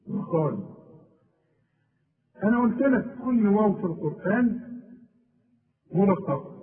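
A man with an Egyptian Arabic accent teaching Quran recitation rules, explaining patiently and reciting words slowly and drawn out. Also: high-pitched. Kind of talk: tajweed lesson with demonstrations. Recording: tinny phone-like line.

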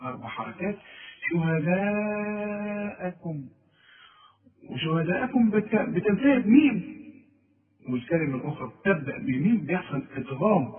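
Brief: higher-voiced Egyptian man, tajweed teacher, slow chanted examples and brisk coaxing asides, thin phone-like audio from a distance. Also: very animated, echoey room. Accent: Egyptian Arabic. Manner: drawn-out chanted recitation between quick explanations; coaxing, checks with the listener. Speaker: Quran recitation teacher. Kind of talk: tajweed lesson with recited examples.

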